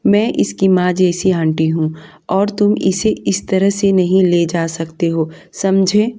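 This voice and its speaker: A woman's voice: fairly low pitch, fairly even intonation, slow pace, mellow. A woman voicing a protective, motherly middle-aged aunt in an audio story, firm and stern.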